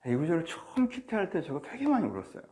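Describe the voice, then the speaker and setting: A man preaching a sermon as pastor of a church, animated, swinging from soft asides to loud cries. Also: on the high side, quick pace. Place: church or small studio, online service.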